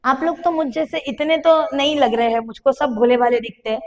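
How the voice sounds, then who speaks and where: High-pitched woman preaching a testimony. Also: fairly quick. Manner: animated storytelling, rising to emphatic calls. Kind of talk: sermon testimony to a congregation.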